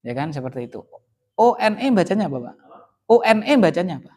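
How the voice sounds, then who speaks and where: A man's voice: high voice, big pitch swings, fast, a little mellow. Chatty male teacher. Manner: chatty, often adds "ya kan?" and "kayak gitu". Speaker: Arabic grammar teacher. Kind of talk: casual classroom lesson with Q&A.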